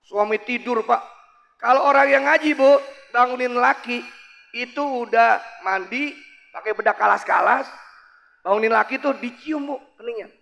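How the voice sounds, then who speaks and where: A man's voice: very high voice, normal speed, creaky, sharp tone, big-room sound. A man preaching a comic sermon at a mosque gathering, joking and acting out the voices of wives and flight attendants.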